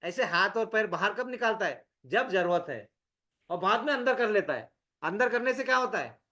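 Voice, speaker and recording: A man's voice: sits high, animated, normal speed, sharp tone. A man leading an interactive scripture class in a conversational way, quizzing his listeners and repeating words for emphasis. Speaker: scripture study leader.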